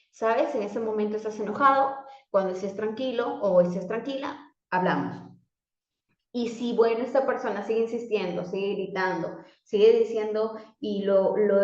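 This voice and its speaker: A woman's voice: a little high, a little mellow. A woman coach giving a motivational talk, often putting questions to herself by name, with many restarts and fillers. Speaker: life coach. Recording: echoey room, dull sound.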